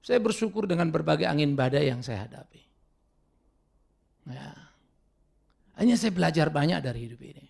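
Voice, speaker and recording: Gravelly, animated male preacher. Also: a little high, moderate pace, pauses often. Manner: animated preaching with dramatic voiced quotes; mixes in English words. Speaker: pastor. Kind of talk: sermon.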